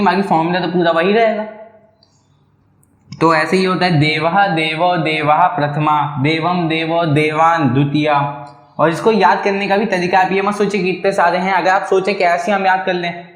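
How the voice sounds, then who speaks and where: A man's voice: high-pitched, fairly bright tone, reverberant. A man teaching a school lesson, patiently explaining, asking questions and answering them himself, with a Lucknow Hindi accent.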